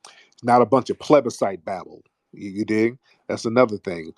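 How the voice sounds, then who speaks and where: A man's voice: on the low side, moderate pace, no room sound, clean studio sound. An American man hosting a live audio chat room, delivering an emphatic, streetwise, preaching-style monologue. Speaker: host.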